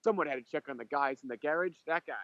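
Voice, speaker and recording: A man with a hoarse, sick voice, co-hosting a casual podcast chat and eagerly talking over others. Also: a little high, rapid-fire, fairly bright tone, no echo. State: hoarse from illness. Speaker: podcast co-host. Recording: muffled lo-fi mic.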